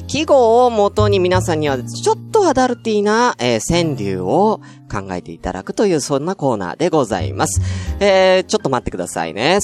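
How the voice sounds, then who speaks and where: A man hosting a solo morning radio chat, playfully bantering with listeners and bursting into mock-outraged shouts. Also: a little high. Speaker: net radio host.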